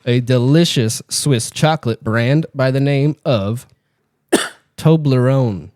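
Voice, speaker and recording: A man co-hosting a podcast, running a spelling game with teasing banter and spelling words out slowly. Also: medium pitch, a little mellow, no echo, clean studio sound.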